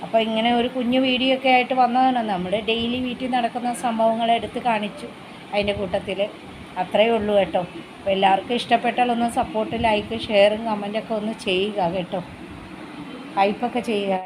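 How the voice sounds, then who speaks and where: A woman's voice: on the high side, fairly even intonation, fast talker, background noise. A woman vlogging casually at home on a phone, chatting to viewers and coaxing her pet dog. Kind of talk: casual home vlog chat. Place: family home indoors. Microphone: phone camera.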